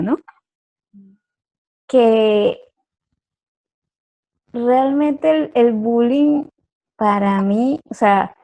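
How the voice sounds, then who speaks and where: A woman in casual conversation who speaks slowly and thoughtfully. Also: medium pitch, gravelly, dark tone, rough recording. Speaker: participant. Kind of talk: casual chat.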